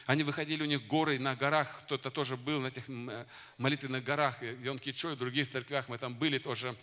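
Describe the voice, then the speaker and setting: A male preacher delivers a fervent sermon to a congregation in a conference hall. His voice is bright and forceful, and it rings out with a long hall reverb. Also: mid-range voice, fairly even intonation, quick pace. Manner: fervent, exhorting address to the congregation.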